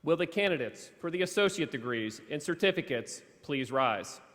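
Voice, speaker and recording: Brief: man, slightly high voice, formal ceremony announcer at a podium mic, theater reverb behind him. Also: animated, normal speed, fairly bright tone. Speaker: college official presenting the graduates. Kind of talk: formal commencement ceremony address. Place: large theater. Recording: long reverb of a large theater.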